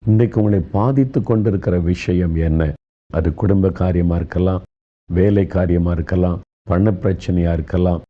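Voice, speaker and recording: A man's voice: deep voice, highs cut off. A man with a Tamil accent preaching an earnest, consoling sermon as a pastor.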